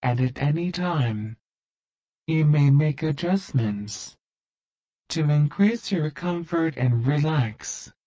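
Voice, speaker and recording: A man narrating a guided hypnosis relaxation in a soothing, repetitive, deliberate way. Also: a little high, expressive, dark tone, highs cut off.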